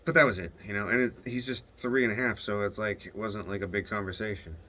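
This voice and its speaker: Deep-voiced man venting in a video diary. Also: steady tone, quick pace, bright, forceful tone, a little hiss or hum. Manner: hesitant, restarts often, swears when upset; retells phone calls, quoting both sides. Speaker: video diarist. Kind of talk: casual confessional monologue.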